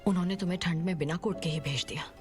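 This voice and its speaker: A woman's voice: lowish voice, fast talker, music in the background, natural voice. A middle-aged woman dubbing a blunt, no-nonsense character in a film. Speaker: single woman taking in a child. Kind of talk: Hindi film dub. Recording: film score behind.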